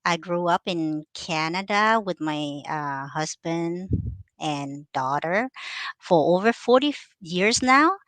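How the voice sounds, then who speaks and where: A woman's voice: on the low side, expressive, takes it slowly, a bit bright, no room sound. A middle-aged woman from Vietnam hosting a casual interview, talking hesitantly with many fillers and restarts. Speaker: host.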